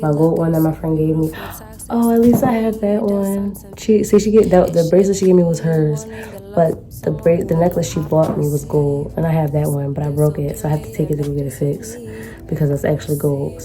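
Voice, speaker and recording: A woman's voice: sits low, a little fast, warm tone, faint music behind. A woman vlogger chatting casually through a shopping haul in an informal, slangy, rambling way.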